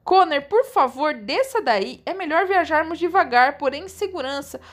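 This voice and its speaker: A nervous, careful teenage girl twin begs and scolds her brother in a high, loud voice, as a woman reading aloud puts her on. The is clear. It sounds like a storybook read aloud among friends. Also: animated, normal speed. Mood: worried. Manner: pleading and scolding, raised loud voice. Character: anxious, cautious teenage girl twin sister.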